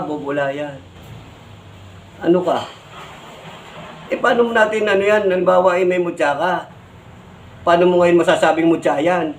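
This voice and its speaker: Filipino vlogger guy lecturing, kinda high voice, keeps saying "no?", faint noise behind. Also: low-quality recording. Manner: lecturing, repeats "no?" and "di ba?" as tags. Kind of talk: scolding explanation to camera.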